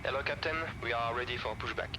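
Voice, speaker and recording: A man voicing a ground crew worker heard over the cockpit interphone, giving brisk procedural callouts. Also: mid-range voice, noisy background. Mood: routine. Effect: quiet ground crew voice over the cockpit interphone.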